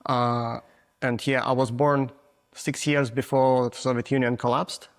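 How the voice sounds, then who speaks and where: A Russian-accented man in his forties, a guest photographer, gives casual interview answers in a mid-range voice with little pitch movement. His non-native English is frank and halting, full of restarts.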